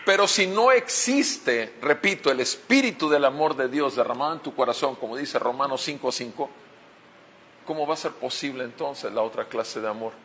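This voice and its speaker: Mexican pastor preaching with rhetorical questions. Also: male voice, medium pitch, moderate pace, sharp tone, slight background noise. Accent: Mexican Spanish. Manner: preaching with rhetorical questions, repeating key phrases. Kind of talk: sermon.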